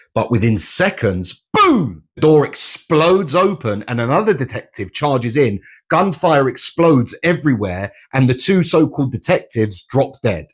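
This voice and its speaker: A man narrating a dark twist story in a suspenseful, dramatic manner. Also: on the low side, husky. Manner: suspenseful, swinging between hushed and excited.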